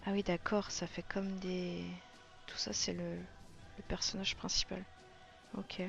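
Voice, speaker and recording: A woman with a gravelly, medium-pitched voice that barely moves speaks a little slowly while flipping through a colouring book. Her commentary is casual, enthusiastic and full of awed exclamations. The sound is muffled, with music underneath.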